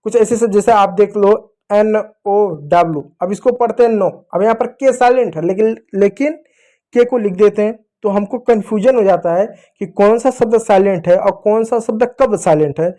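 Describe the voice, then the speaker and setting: A male teacher giving an English lesson to children, slowly spelling out words letter by letter and repeating them. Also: high-pitched, dark tone. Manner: slow, repetitive spelling-out of words.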